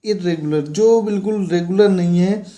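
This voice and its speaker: A man's voice: sits high, moderate pace, mellow. A man teaching an English grammar lesson, explaining patiently and repeating key words as he points things out on a board.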